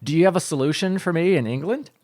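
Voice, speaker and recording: A man's voice: on the high side, fast, darkish tone, no echo. A man co-hosting a comedy podcast, dropping dry one-liners in casual banter. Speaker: podcast co-host.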